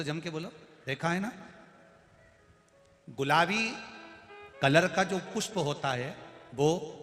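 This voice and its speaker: Emphatic male preacher in echoing hall. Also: mid-range voice. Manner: emphatic, drawn-out words, swings between loud and hushed. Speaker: devotional storyteller-preacher. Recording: roomy hall reverb through PA.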